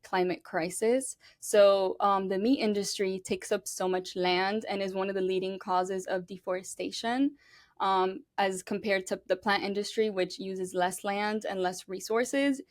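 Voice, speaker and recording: A woman's voice: mid-range voice, steady tone, a little slow, no echo, studio quality. A young woman from Cuba with a Miami accent, chatting as an interview guest in an upbeat way with lots of fillers. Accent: Miami English. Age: young adult. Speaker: pageant contestant guest. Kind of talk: casual interview chat.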